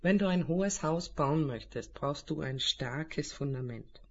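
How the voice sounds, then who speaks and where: A man leading a guided spiritual meditation in a calm, soothing, unhurried way with long pauses. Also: fairly high pitch, slightly rough, highs cut off.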